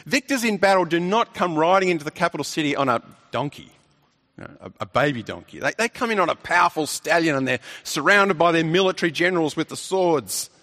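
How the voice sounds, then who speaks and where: A man's voice: fairly high pitch, fast talker, few pauses, sharp tone. Emphatic man preaching a sermon. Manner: emphatic, rhetorical questions, repeats words.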